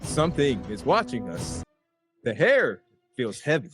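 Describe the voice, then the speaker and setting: An eerily calm, mystical tracker speaks in slow, solemn warnings, as a man puts him on. His pitch lifts and drops in wide, lively sweeps. The calm is played half for laughs. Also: soft background music. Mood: ominous.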